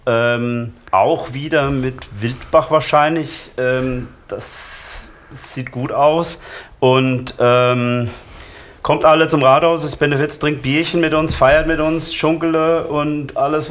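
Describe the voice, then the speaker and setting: A man from Lower Franconia, a guest chatting casually about carnival plans with many hesitations. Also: fairly even intonation, slow pace, a bit bright. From Lower Franconia, Germany. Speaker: carnival club member, guest. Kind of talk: casual radio chat.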